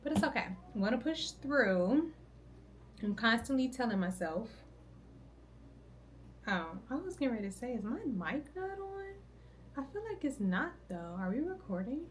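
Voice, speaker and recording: A woman's voice: on the high side, big pitch swings, moderate pace, long pauses, slight background noise. A woman in her middle years vlogging at home, talking casually and tiredly, rambling and interrupting herself as she thinks aloud. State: tired, out of breath at times. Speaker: content creator vlogging her routine. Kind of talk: casual vlog talk to camera. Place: at home, indoors.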